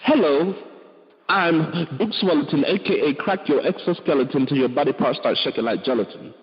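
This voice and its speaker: A man voicing a boastful, smooth-talking male seducer persona, reciting crude rhyming spoken word. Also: on the high side, normal speed, natural voice. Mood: cocky, boastful. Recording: muffled with long reverb.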